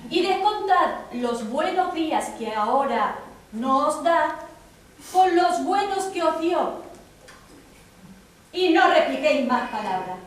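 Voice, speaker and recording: A woman on an amateur stage playing a stern judge, measured and declamatory. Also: sits high, sing-song, heavily acted. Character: stern judge ruling on a marriage. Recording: echoey stage from far off.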